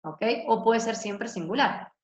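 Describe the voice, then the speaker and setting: A woman's voice: fairly high pitch, measured pace. Teacher woman in an echoey room. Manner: explains in Spanish, tags most lines with "ok?". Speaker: English teacher. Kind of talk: recorded online class explanation. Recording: echoey room, dull lo-fi sound, faint hiss.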